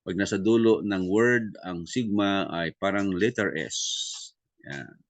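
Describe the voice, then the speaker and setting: A man leads a review lesson in a very low, unhurried voice. He sprinkles in fillers and tag questions and spells out sounds deliberately. The recording is close and dry. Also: no room sound. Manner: Tagalog-English mix, many fillers and tag questions. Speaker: Greek class teacher.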